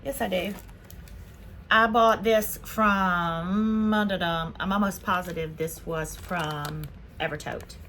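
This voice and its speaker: A woman from Spain hosting a casual haul vlog, chatting excitedly as she unboxes her purchases. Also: fairly low pitch, takes it slowly, a little hiss or hum. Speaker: vlog host.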